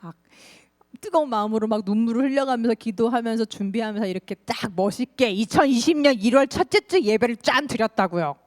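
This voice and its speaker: A woman pastor preaching to young people, telling a personal story in a lively, colloquial way. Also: on the high side, brisk. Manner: lively, confessional storytelling, colloquial, laughs often.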